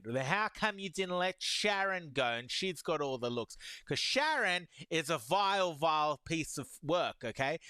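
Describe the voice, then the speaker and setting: Man, anime reaction host, excitable, rambling, middle pitch, dry close sound. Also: clean tone, no echo. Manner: excitable, talks to viewers as "guys"; rambling with many restarts and "like". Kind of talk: casual reaction commentary.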